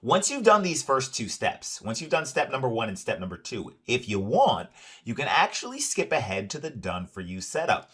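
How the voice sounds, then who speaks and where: A man giving an upbeat, salesy screen-share walkthrough of a software dashboard, often adding "right?" and filler "uh"s. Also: mid-range voice, wildly swooping pitch, moderate pace, breathy edge. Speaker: product demonstrator.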